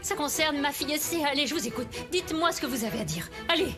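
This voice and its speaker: Middle-aged mother, high voice, fierce and insistent soap dubbing over strong dramatic music. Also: lively intonation, fast. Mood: challenging. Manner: intense, insistent, theatrical. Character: fierce, defiant mother confronting her enemies. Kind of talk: dubbed TV soap drama acting. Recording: dramatic music under studio dub.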